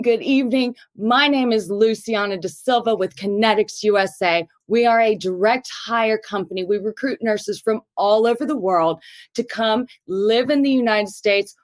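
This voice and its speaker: A woman's voice: mid-range voice, no room sound. A woman hosting an interview, welcoming guests and asking them questions in an upbeat way. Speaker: recruiter, interview host.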